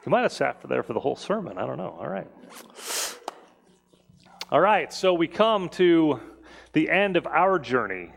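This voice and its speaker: A man's voice: on the high side, sing-song, normal speed, gravelly, pauses often. A man speaking as a pastor in a conversational preaching style, in a reverberant church. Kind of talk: conversational sermon and church leading. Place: large indoor church space. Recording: reverberant hall.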